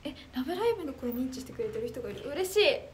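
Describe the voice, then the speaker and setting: A young woman chatting casually on a livestream and reading out viewer comments, with a loud, clear, carrying voice, an anime-like tone and bubbly, excitable reactions. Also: high-pitched, fast talker, a little hiss or hum.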